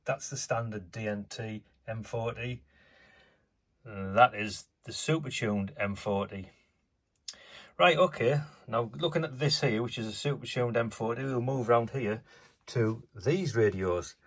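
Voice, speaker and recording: A man hosts his own channel, offering casual, offhand commentary while working at an indoor workbench, recorded on a phone. His mid-range voice has a fairly bright tone and moves a little slowly, rambling with plenty of fillers.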